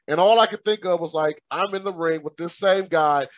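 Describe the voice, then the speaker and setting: A man's voice: fairly high pitch, fairly quick, no room sound. A male podcast host chatting with a guest in a hyped, upbeat, slangy way, laughing often. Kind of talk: casual interview chat.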